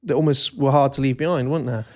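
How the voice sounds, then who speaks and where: A man's voice: mid-range voice, steady tone, quick pace, darkish tone. A man co-hosting a podcast, talking reflectively about change and teasing his co-host. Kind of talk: casual chat.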